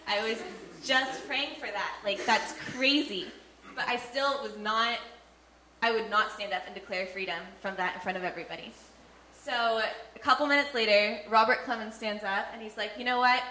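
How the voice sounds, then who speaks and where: With a sharp voice on the high side, a young testimony speaker tells her personal faith story earnestly and from the heart, filling gaps with many fillers. Her words echo in a room carrying faint background noise.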